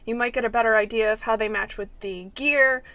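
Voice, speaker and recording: A woman's voice: a little high, fairly even intonation, a little fast, sharp tone, no room sound. A young adult woman giving casual, giggly, enthusiastic commentary as she plays a video game. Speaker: host of a video game play-through.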